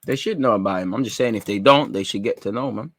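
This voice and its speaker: A young man, hosting a football talk stream in a rambling, slangy, excitable way. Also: fairly low pitch, fast talker, dry recording. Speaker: football channel host. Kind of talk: casual livestream chat.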